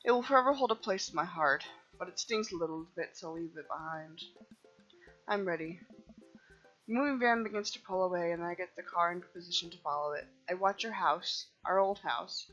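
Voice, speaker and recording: A woman's voice: on the low side, fairly quick, fairly bright tone, muffled recording, faint music behind. A woman playing a dating game, reading the dialogue aloud playfully and laughing at her own jokes.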